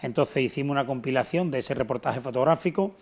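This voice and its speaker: Appearing as a guest in an unscripted TV interview, a middle-aged man who is a local historian from Antequera, southern Spain, gives earnest, explanatory, emphatic answers. His voice is medium-pitched and his pace is quick.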